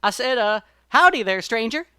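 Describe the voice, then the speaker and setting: A storyteller voicing a folksy, hot-tempered male country rabbit in a high, loud, drawling voice for a spoken folktale. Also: animated, normal speed, clean tone, no room sound. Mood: friendly.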